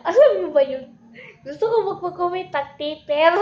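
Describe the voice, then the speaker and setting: A woman's voice: very high voice, a little mellow, muffled recording. A woman chatting casually to camera, rambling and giggling, mixing in English phrases. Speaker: vlogger.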